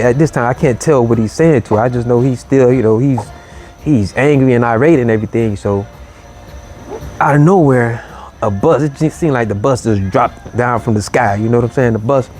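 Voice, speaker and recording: A man hosting a late-night show, telling a story in a relaxed, easygoing way, with lots of "you know" and "man". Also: mid-range voice, moderate pace, faint music behind. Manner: laid-back, drawling, full of "you know" and "man". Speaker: host.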